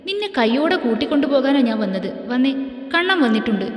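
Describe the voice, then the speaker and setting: A woman's voice: sits high, sing-song, fast talker, faint music behind. Brief: woman reading the part of a furious loyal friend, scolding, roomy echo. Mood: angry. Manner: scolding, demanding. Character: enraged loyal young man friend. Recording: echoey room with long reverb.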